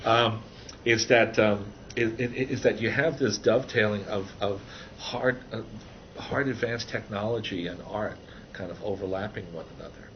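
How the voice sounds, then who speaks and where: A man's voice: fairly low pitch, normal speed. An older man being interviewed about his book, talking casually with many restarts and fillers. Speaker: interviewee, author of a book on computer animation. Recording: dull, slightly noisy recording.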